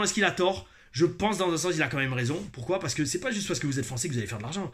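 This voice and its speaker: A man from France hosts his show in a casual, animated chat, laughing often as he talks. His voice sits somewhat high and sounds bright and forceful. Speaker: host of a wrestling review show.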